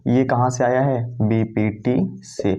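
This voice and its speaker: A man's voice: medium pitch, flat delivery, slow, mellow. Man teaching math at a board. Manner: talks while writing, with constant "है ना" checks; asks questions and answers them himself. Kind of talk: board-work math lesson. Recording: dull lo-fi sound.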